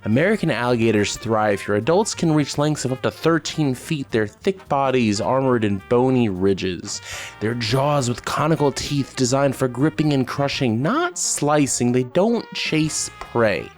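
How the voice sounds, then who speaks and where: A man reading scripted narration as game master, in a measured, dramatic storytelling manner with sudden leaps in pitch. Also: lively intonation, soft background music.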